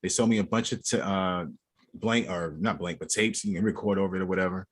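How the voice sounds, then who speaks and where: A man from Tennessee, co-hosting a podcast and reacting with quick enthusiasm. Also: low-pitched, steady tone. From Clarksville, Tennessee, US. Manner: enthusiastic, quick to jump in with "wow". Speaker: podcast co-host. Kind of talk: casual podcast chat.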